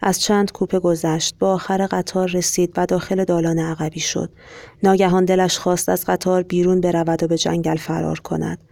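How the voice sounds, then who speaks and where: A podcast storyteller giving a measured, even reading of a short story. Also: medium pitch, creaky, no room sound. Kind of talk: scripted narration.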